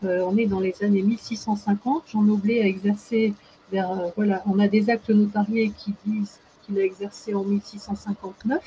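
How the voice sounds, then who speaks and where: Mellow-voiced woman explaining with many hesitations. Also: mid-range voice, level tone, a little fast, slight background noise, rough recording. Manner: hesitant, many fillers and restarts. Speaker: guest expert. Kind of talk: casual explanatory talk.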